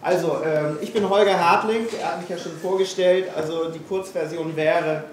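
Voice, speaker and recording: At a failure-stories evening in a small event room, a middle-aged Hamburg man speaks frankly and mocks himself before a live audience, hesitating often. His voice sits on the high side with fairly even intonation and a moderate pace. The room PA was recorded from a distance, leaving an echoey sound with faint noise.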